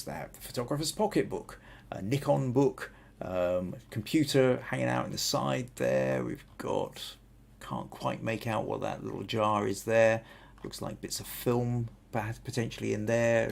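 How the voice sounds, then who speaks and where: A middle-aged man from England with a Southern English accent hosts a photography podcast, critiquing photos live and chatting. He thinks aloud in a thoughtful, rambling way, full of restarts and fillers. His voice is medium in pitch and creaky.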